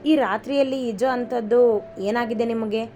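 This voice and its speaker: A shy young wife speaking in a soft, plaintive voice, as a woman reading the story takes her part. The pitch is high and the delivery stays even and flat, with faint music underneath. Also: moderate pace, natural voice. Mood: gentle.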